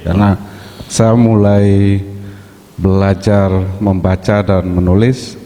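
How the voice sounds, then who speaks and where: A man in a class answering his teacher's question calmly, in measured words. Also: on the low side. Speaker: student in a class. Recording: reverberant hall.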